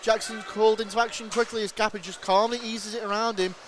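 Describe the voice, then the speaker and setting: A man calls an ice hockey game live, in a high voice. His commentary is brisk, and it rises in pitch and volume with each shot. A faint noise sits under the recording. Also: flat delivery. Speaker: play-by-play commentator.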